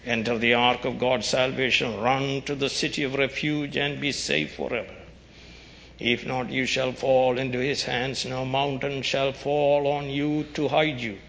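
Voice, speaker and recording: A male preacher delivers a doomsday fire-and-brimstone sermon in a forceful, hard-edged voice. He warns sternly and urgently, street-preacher style, in slow and weighty phrases. The sound rings through a long, reverberant hall. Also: medium pitch, level tone, gravelly. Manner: emphatic, solemn, deliberate phrasing. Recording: dull, noisy recording in reverberant hall.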